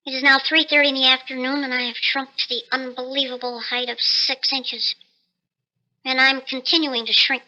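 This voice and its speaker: In a 1950s radio drama, an actor plays a shrunken research scientist in his thirties who is bitter, desperate, theatrical, and self-pitying, his voice artificially raised. The result is very high, bright, and forceful, with a flat delivery at a moderate pace. The heavily acted performance comes from a low-quality recording.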